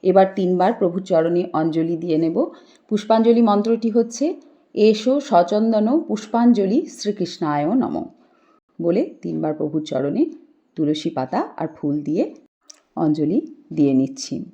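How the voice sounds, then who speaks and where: A woman hosting a home puja video, calmly explaining each ritual step and chanting mantras in a devotional tone. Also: on the low side, normal speed. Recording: dull lo-fi home recording.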